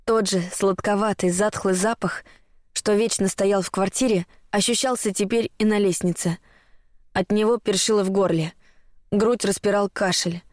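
A woman narrating a horror story in the first person, in a measured, tense storytelling manner. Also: mid-range voice, fairly even intonation, a little mellow, no room sound, studio quality.

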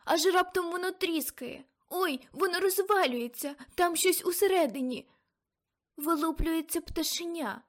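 Audiobook casting: woman reader voicing a frantic old seer aunt, high and loud, breathless cries. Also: a little slow. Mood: dreamy. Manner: breathless, exclaiming, rising to cries. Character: elderly aunt, a seer lost in a frantic vision.

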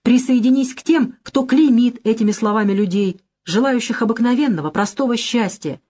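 A woman reading an audiobook, voicing an anxious young woman who pleads for a quiet life in an emotional way. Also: on the high side, normal speed, pitched above the performer's own voice, natural voice. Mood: upset.

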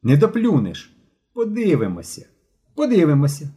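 An earnest schoolboy lays down the rules firmly in a storybook reading, as a man acts him out. His voice is mellow, lively and somewhat raised. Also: fairly high pitch, moderate pace, voice pushed up. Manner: firm, decisive. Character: earnest schoolboy leader Mishko, firm.

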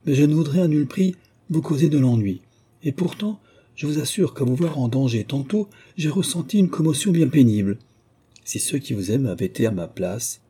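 A courteous, earnest young man, read by a male narrator who speaks politely and a little awkwardly, in a husky, dark storybook voice. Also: medium pitch, lively intonation, moderate pace, voice pushed up.

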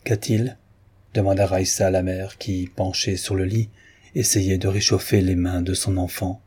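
A man narrating a classic novel in a measured, even reading style. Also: low-pitched, slightly rough. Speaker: audiobook narrator. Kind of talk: literary narration.

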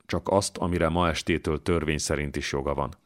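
A man's voice: extremely low pitch, steady tone. A man reading an audiobook voices a humiliated young bride who pleads in an urgent whisper. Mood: desperate.

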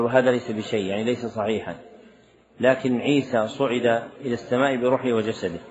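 A man teaching a religious text, reading out written questions from students and answering them briefly and firmly. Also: mid-range voice. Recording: dull lo-fi lecture recording.

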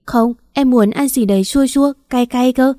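A woman's voice: high voice, brisk, mellow, no room sound, clean studio sound, pitched above the performer's own voice, lightly acted. Woman voicing a pouty young wife. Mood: pouty whining.

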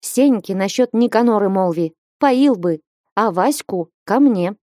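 A woman's voice: mid-range voice, expressive, measured pace, mellow, no room sound, studio quality, natural voice. A woman reading an audiobook voices a bold, bossy young village woman who scolds and commands sharply. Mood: scolding.

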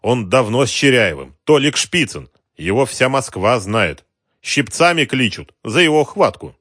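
A man voicing an energetic, quick-tempered market boss around thirty who talks curtly. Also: mid-range voice, no echo, clean studio sound, voice pushed up. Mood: angry, brisk. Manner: energetic, curt, cursing. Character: brisk, angry male boss around thirty.

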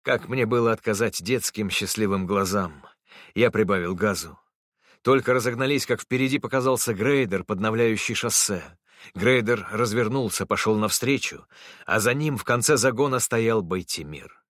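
A man narrating literary prose as an audiobook in a measured, earnest manner. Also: fairly low pitch, fairly bright tone, no room sound, clean studio sound.

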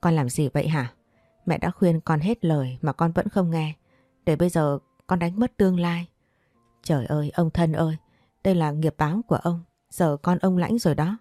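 A woman's voice: low-pitched, normal speed, warm tone, no echo, clean studio sound, soft background music. A woman reading the lines of a weary, remorseful older mother in an audio story, with a sorrowful manner. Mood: anguished. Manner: pleading, sorrowful.

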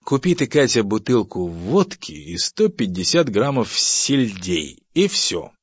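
A man voicing a stingy, pompous middle-aged husband who lectures about thrift and turns shrill when provoked. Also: very animated, measured pace, husky, no echo, heavily acted. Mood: stingy lecturing. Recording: dull, dry audiobook recording.

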